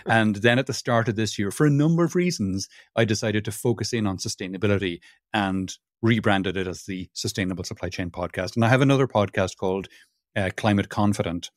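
Speaking with a Cork accent, this Irish podcast guest, a sustainability consultant, keeps the interview casual and self-deprecating, frequently restarting sentences. His fairly low voice is brisk, and the clean studio recording has no echo.

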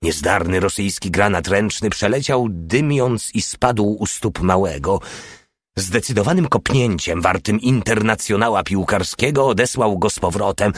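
Low-voiced man reading an audiobook. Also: dry recording, studio quality. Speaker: audiobook reader. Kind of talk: audiobook narration.

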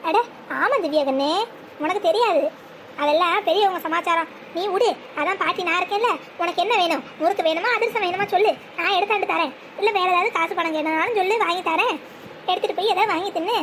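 A woman's voice: very high voice, quick pace, fairly bright tone, a little hiss or hum. A woman voicing a spiteful cartoon grandma. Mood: dismissive. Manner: scornful, gloating, scolding. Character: spiteful scheming old grandmother.

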